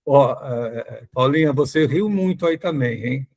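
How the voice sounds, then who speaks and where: Husky-voiced man hosting a call. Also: medium pitch, lively intonation, unhurried, a little mellow. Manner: friendly, calls on participants by name. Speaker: host of an online self-knowledge group. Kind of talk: casual group moderation. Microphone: video call.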